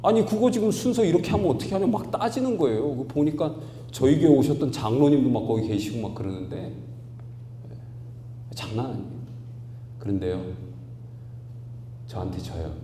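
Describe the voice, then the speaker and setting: A man's voice: mid-range voice, expressive, moderate pace, long pauses, mellow. A man in his forties, a pastor, preaching a sermon in a storytelling manner that builds to emphatic, raised passages. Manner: storytelling with rising emphatic outbursts. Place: large church hall. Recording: echoey hall, faint hum.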